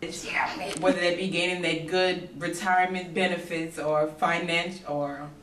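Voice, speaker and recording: A woman's voice: on the low side, little pitch movement, moderate pace, a bit bright, a little hiss or hum. A woman speaking casually and unscripted in a home video. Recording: echoey room, distant mic.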